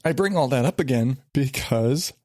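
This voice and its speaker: A podcast host talks casually on his own solo show, sounding stuffed up from a sinus infection. His medium-pitched, darkish voice has lively intonation and a moderate pace, and he rambles in an exasperated way with many restarts. The recording is dry, with clean studio sound.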